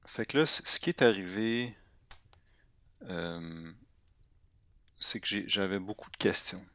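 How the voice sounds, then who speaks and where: Slow, rambling young man with a Québécois accent. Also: low-pitched, a bit bright, no room sound. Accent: Québécois French. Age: 20s. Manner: rambling, hesitant, slangy, with many fillers and restarts. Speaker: vlogger. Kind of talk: comedic monologue to camera.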